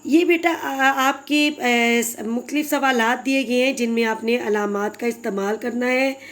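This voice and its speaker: Speaking a little slowly, a woman with a highish, fairly bright voice gives children a recorded grammar lesson. She's patient and explanatory, speaking to her pupils with affection.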